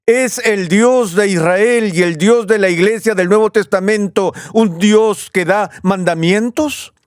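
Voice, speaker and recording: Male preacher, measured teaching delivery, dry recording. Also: sits high, no echo. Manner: measured, teaching tone with slow emphatic phrases. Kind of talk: sermon.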